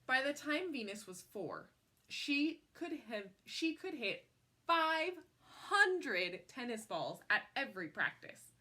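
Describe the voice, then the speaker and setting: A high-voiced woman brings a picture book to life with expressive storytelling. She measures out each phrase and gives extra weight to key words.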